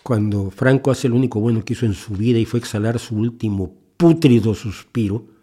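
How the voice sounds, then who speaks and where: A man's voice: mid-range voice, brisk, warm tone, slightly rough. A man in his sixties from Mexico, hosting a podcast and delivering an indignant, impassioned opinion monologue with frequent restarts. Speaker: podcast host.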